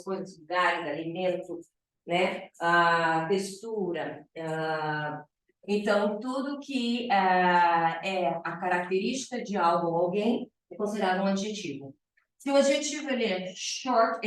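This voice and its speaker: Teacher in an echoey classroom. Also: female voice, mid-range voice. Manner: explains slowly, repeating example words. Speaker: English teacher. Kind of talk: bilingual classroom lesson. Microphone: camera at a distance. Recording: echoey room, far from the camera.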